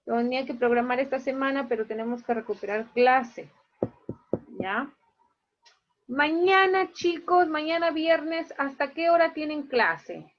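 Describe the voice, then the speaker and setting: A woman's voice: fairly high pitch, normal speed, dull audio. A woman teaching an online class, going through her students' grades one by one and explaining each mark in a plain, matter-of-fact way.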